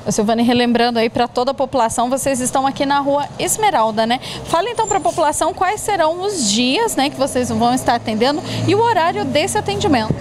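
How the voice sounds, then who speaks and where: A young woman local news reporter speaks into a handheld microphone in a friendly, upbeat tone, often adding little tag questions. Her voice is notably high. Faint noise sits behind her. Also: animated, quick pace, few pauses. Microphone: handheld reporter mic.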